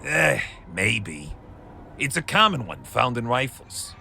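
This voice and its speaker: An actor playing a gruff, sarcastic, brusque police detective with a gravelly voice in a video game. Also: male voice, mid-range voice, big pitch swings, slow pace, sharp tone, slight background noise, full character voice. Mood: sardonic. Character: gruff, dismissive, cynical male police detective.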